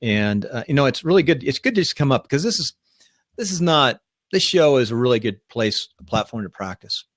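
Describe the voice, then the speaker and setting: A man hosting a live online talk show, chatting casually in a rambling, upbeat way and pitching his ideas to guests. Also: big pitch swings, brisk, fairly bright tone, no echo. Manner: rambling, upbeat, self-promoting. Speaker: podcast host. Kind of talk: casual live-stream chat.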